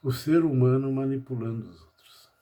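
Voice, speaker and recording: Rambling older man, mellow voice. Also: mid-range voice, normal speed. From Brazil. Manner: rambling, tags nearly every phrase with "né?". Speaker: pharmacist. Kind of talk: personal monologue vlog. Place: at home.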